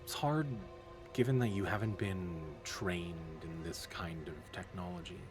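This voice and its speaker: A man's voice: low-pitched, animated, unhurried. A man running a tabletop game as game master, narrating loosely with restarts and fillers. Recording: music playing behind.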